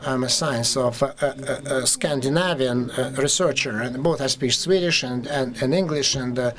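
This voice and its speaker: A Russian man with a Russian accent speaks as a conference panelist, halting and full of fillers and restarts. His voice is mid-range and a bit bright.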